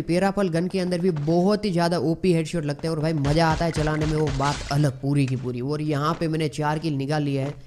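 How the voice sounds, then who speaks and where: A man from India giving excitable gameplay commentary as a gaming YouTuber, mixing English slang into his talk. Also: a little high, slight background noise. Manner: excitable, mixes English slang into Hindi, frequent exclamations.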